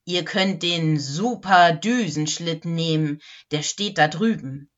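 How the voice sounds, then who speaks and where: A woman's voice: low-pitched, slow pace, highs cut off. A woman doing a Christmas elf giving orders. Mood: brisk. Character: busy Christmas helper elf.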